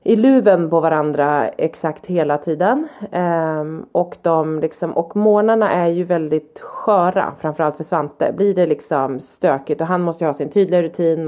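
Woman, low voice, blunt casual chat, acts out quotes, muffled sound. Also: warm tone. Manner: frank, swears freely, acts out quotes.

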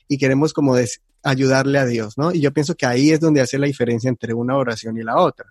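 A man on a faith talk show with a middle-pitched voice. He explains his ideas reflectively, setting one example against another. The sound is close and dry. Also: steady tone, quick pace, darkish tone, no echo.

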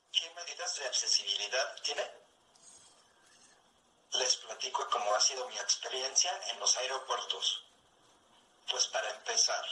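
A male synthesized text-to-speech voice like an old speech synthesizer, reading a scripted opinion segment in a robotic, measured way. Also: mid-range voice, pushed and bright, poor audio. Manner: robotic, evenly measured delivery. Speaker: opinion columnist.

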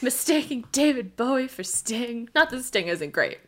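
A woman's voice: a little high, lively intonation, moderate pace, a bit bright, a little hiss or hum. A woman in her thirties co-hosting a podcast, telling a story in casual chat, laughing often and acting out quotes. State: hiccups. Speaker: podcast co-host.

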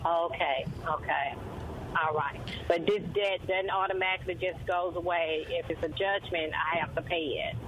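A woman's voice: on the low side, steady tone, normal speed, background noise. A woman calling in over a phone line to a radio show. She speaks hesitantly and halts with many fillers. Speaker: caller. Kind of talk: call-in radio chat.

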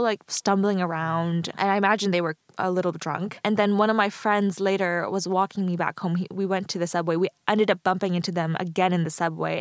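A young woman tells a story from her own life as a podcast guest, speaking casually and filling her sentences with "like." Her voice sits at an everyday middle pitch. The sound is dry and close, with no room around it. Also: no echo. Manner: casual, frequent "like" fillers. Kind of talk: recounting a personal experience. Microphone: podcast microphone.

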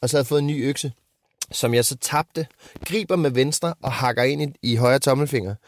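A man and father in casual chat, telling rambling anecdotes and swearing freely. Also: mid-range voice. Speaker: podcast co-host and father.

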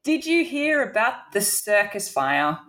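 A woman's voice: medium pitch, sing-song, a little slow, heavy background noise. A woman hosting a podcast, trading dad jokes in playful, giggly casual chat. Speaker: podcast host.

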